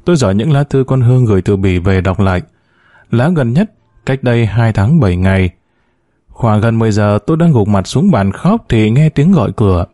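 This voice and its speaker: Dark-voiced man reading a story. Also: on the low side, expressive, normal speed, dry recording, clean studio sound. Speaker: audiobook narrator. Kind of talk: scripted story narration.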